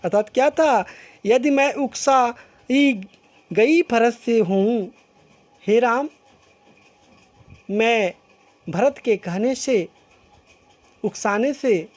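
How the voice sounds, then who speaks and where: A woman teacher explaining a poem line by line, slowly rephrasing each point several times. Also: fairly high pitch, a little mellow. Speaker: school teacher.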